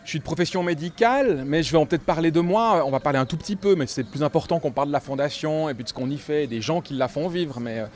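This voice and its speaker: Speaking fast with few pauses, a man with a fairly high, darkish voice gives a casual restaurant interview. He grew up in Switzerland, founded a foundation, and hammers his points home emphatically through repetition.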